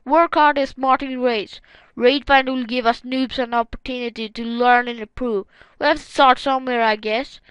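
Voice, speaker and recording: A woman's voice: sits high, fairly even intonation, normal speed, fairly bright tone, clear, resonant tone, no echo, low-quality recording. A woman hosting a gaming channel, reading forum comments aloud and adding casual, wry, sarcastic asides.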